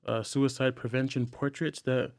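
Young man, podcast guest, earnest and halting, dry close mic. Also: medium pitch, little pitch movement, a little mellow, dry recording. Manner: earnest, halting with frequent fillers and restarts. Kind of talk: candid personal sharing.

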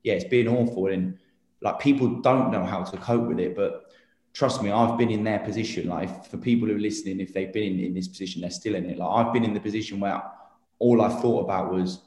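Late-twenties male guest, low-ish voice, earnest rambling chat, roomy echo. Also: fairly even intonation, a little fast, darkish tone. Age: 20s. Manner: rambling, earnest, many fillers and restarts. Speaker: interview guest. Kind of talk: casual interview talk.

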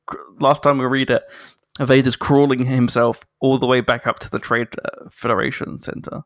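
Gravelly man in casual chat. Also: mid-range voice, normal speed, dry recording, studio quality. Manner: animated, swears freely, laughs mid-sentence.

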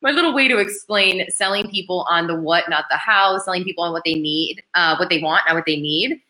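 Guest spot: chatty woman coach, low-ish voice with a bright, forceful edge. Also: a little fast. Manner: chatty and animated, full of "like" fillers. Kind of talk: casual podcast chat.

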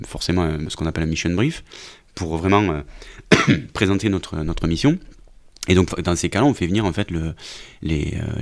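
A man, an army officer, telling a story in an interview with a gravelly voice and many hesitant restarts and fillers. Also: sits low, darkish tone. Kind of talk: conversational storytelling.

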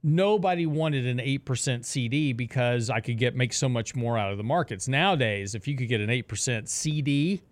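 A man's voice: mid-range voice, normal speed, hardly any pauses. Man, middle-aged, radio show host, casual financial chat, rhetorical asides. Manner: explains with rhetorical questions and asides.

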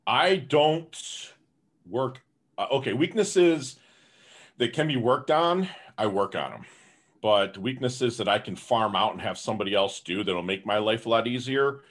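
Guesting on a podcast for a relaxed interview, a man with a mid-range voice talks at a measured pace. He sounds upbeat and energetic and keeps dropping "you know" into his sentences.

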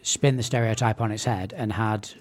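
A man's voice: on the low side, fairly even intonation, moderate pace, soft background music. Hesitant man in casual debate. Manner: thoughtful, hesitant, repeats words. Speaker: radio show host. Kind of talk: casual discussion.

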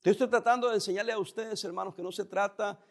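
A male pastor preaching a sermon in a calm, conversational way, with occasional emphatic rises. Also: sits high, fast.

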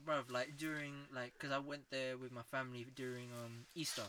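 A man's voice: medium pitch, level tone, a little fast, sharp tone, slight background noise. A young man with a London roadman accent in a casual, slang-heavy chat with friends. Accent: London, urban street slang. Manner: slangy, repeats bruv and blood.

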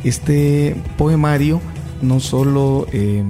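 A man's voice: mid-range voice, extremely slow, warm tone, soft background music. A man with a Salvadoran Spanish accent, a teacher presenting and reading from a children's book in an informal way.

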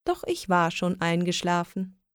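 A woman reading a children's story aloud in a slow, lilting storybook way. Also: on the low side, very animated, clean tone, dry recording, clean studio sound.

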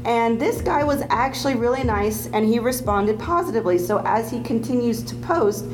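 A woman's voice: fairly high pitch, lively intonation, normal speed, over music, rough recording. A woman panelist with a projected, theater-trained voice, chatting casually and telling anecdotes in a panel discussion.

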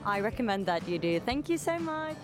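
A woman's voice: mid-range voice, very animated, a little fast, music in the background. Upbeat woman reporter at a book fair. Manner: upbeat, chatty, laughs easily. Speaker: roving reporter. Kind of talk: vox-pop interviews.

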